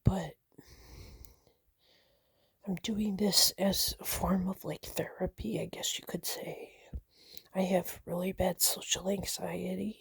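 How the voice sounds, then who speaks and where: A woman whispering a personal vlog, nervous and shaky, halting with many fillers and restarts. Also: lowish voice, little pitch movement, creaky, husky, no echo. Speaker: vlogger.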